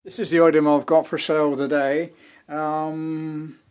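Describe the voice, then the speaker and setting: A man's voice: fairly high pitch, flat delivery, measured pace, a little mellow. A man in his seventies chatting casually at home on camera, with a dry, teasing way of talking. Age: 70s. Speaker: interviewee.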